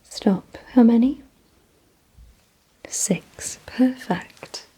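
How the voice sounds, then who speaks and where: An ASMR performer whispers very breathily, mostly without voice, in a slightly high register. She speaks slowly and deliberately in a soft, mellow tone, giving hushed roleplay instructions directly to the listener, and the recording is rough.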